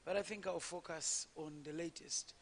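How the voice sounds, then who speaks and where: Low-voiced woman in a reverberant hall. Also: fairly even intonation, a little hiss or hum. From Zimbabwe. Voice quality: low voice often taken for a man's. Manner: measured, with frequent fillers and restarts. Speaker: politician on a panel. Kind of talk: personal account on a conference panel. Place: conference hall.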